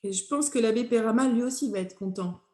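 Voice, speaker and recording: A woman's voice: fairly high pitch, quick pace, dark tone. A woman hosting a podcast, asking questions, recapping and commenting in a conversational way. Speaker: podcast host. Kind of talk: conversational interview. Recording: echoey room.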